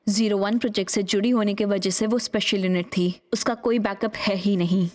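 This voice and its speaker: A woman voicing a devoted female android assistant who speaks in a calm, polite and precise way. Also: medium pitch, brisk, close to an everyday voice.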